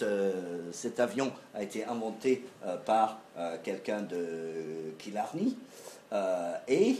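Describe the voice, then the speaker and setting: A man lectures in a halting way, with many fillers and restarts. His pitch moves up and down a lot. The echoey room carries a faint background hum. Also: darkish tone. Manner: hesitant, frequent fillers and restarts. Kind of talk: university-style lecture.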